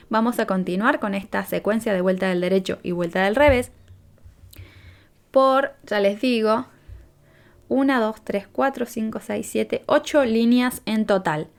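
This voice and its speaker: Woman, crochet tutorial, patient step-by-step, counts rows aloud, gravelly edge. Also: mid-range voice. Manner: patient, checks in with a frequent "¿sí?". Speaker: crochet instructor.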